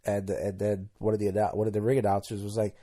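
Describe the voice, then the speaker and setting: A man's voice: on the low side, level tone, quick pace, dark tone. A man in his thirties hosting a solo podcast, talking casually and candidly, rambling and tripping over his words as he goes. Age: 30s. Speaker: podcast host.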